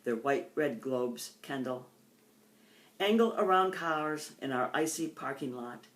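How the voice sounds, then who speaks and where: Reading her own work, this older poet from the United States speaks with an American accent and a voice that sits low. She delivers the poems in deliberate phrases and offers informal introductions between them.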